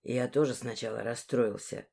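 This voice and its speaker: A woman voicing a weary, practical young man who mutters quietly, in an audiobook. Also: very deep voice, steady tone, moderate pace, vocal fry, breathy edge, voice pushed down, full character voice. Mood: rueful. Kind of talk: audiobook character voice.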